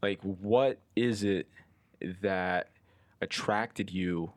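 Very deep-voiced young man hosting a podcast. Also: very slow, no echo. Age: 20s. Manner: loose and rambling, heavy on "like" and "you know". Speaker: podcast host. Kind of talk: casual interview chat.

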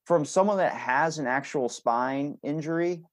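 A man with a higher voice hosts a casual podcast chat at a measured pace. He talks bluntly, swears plenty and acts out bits in animated re-enactments.

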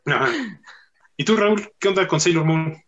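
A man hosts a loose, joking podcast chat. He talks in a bright, forceful voice and fills it with plenty of pauses and fillers. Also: a little high, highs cut off. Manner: chatty, joking, with many fillers. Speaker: podcast host. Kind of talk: casual chat.

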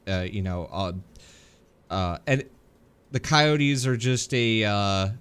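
A man co-hosting a casual hockey podcast, talking in an animated, exasperated way. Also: lowish voice, takes it slowly, smooth. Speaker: podcast co-host. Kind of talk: casual sports chat.

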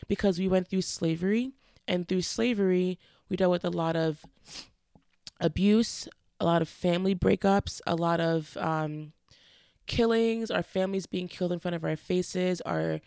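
Woman, podcast host, stuffy nose, earnest, slow and deliberate, dry room. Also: on the low side, vocal fry, a little mellow, dry recording. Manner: frank, earnest, slowed deliberate delivery. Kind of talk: casual solo podcast monologue.

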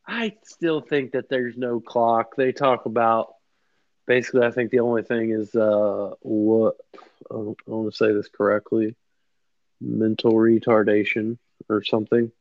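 A man's voice: on the low side, steady tone, unhurried, a little mellow, dry recording, muffled recording. A man in his thirties co-hosting a podcast, chatting casually with loose, profane banter. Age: 30s. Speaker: podcast co-host. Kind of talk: casual chat.

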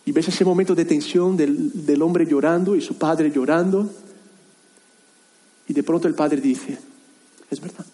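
A man pastor preaching a sermon in an earnest, halting way, with many pauses and restarts. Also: on the high side, steady tone, dark tone. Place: church hall.

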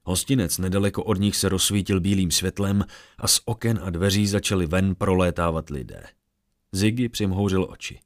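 A man's voice: deep voice, dry recording, studio quality. A man reading a fantasy audiobook, narrating steadily.

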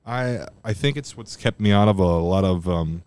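Brief: low, smooth-voiced man, loose rambling podcast talk, dry close mic at home. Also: moderate pace. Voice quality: strong loud voice, at times monotone. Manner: rambling, loose and profane, many fillers. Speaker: podcast host. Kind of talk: casual solo podcast chat. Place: room at home.

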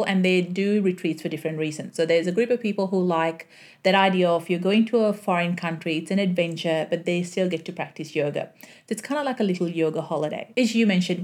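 A woman in her thirties from Sri Lanka speaks as a guest on a podcast. Her voice is a little low, and she talks about her work in a warm, thoughtful way, pausing often as she gathers her thoughts. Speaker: yoga and Pilates teacher. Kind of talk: casual interview chat.

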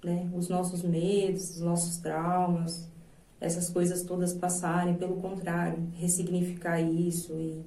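A woman's voice: on the low side, completely flat delivery, unhurried, dark tone. A Brazilian woman in her thirties, a singer and voice teacher, talking earnestly and reflectively in an interview, with lots of filler tags. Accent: Brazilian Portuguese. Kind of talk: casual interview chat. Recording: roomy sound from a distant mic.

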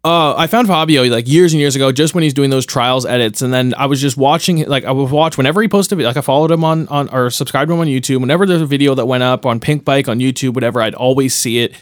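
Young guy on a podcast, mid pitch, gets hyped and swears a lot, bone dry mic. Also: quick pace, few pauses, clear, resonant tone, no room sound. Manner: excitable, swearing, trailing restarts. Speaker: podcast co-host. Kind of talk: casual chat.

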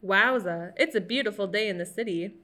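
A woman's voice: mid-range voice, a little fast, bright, forceful tone, pitched below the performer's own voice, close to an everyday voice. A woman improvising the part of a chipper waitress from the Midwest in a family musical. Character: bright-eyed Midwestern diner waitress, Chelsea.

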